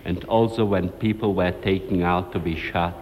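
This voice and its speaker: A man giving testimony in a halting way, with long pauses, in an old archival recording. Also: low voice, steady tone, a little mellow. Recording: old archival recording in a large hall with faint noise.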